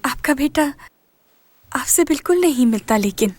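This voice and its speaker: A woman's voice: high-pitched, lively intonation, normal speed, darkish tone, dry recording. A woman dubbing a flustered, pleading young woman. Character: anxious young woman wooing an older woman's favor. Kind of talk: dubbed TV drama. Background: music.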